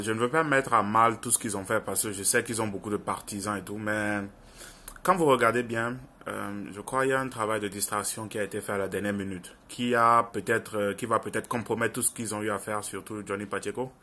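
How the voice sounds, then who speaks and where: This young adult man is an online video commentator with a Francophone African accent, delivering an informal opinion monologue to viewers. His fairly low voice sounds pushed and bright, with a little hiss or hum in the recording. He speaks earnestly and insistently, repeating phrases for emphasis.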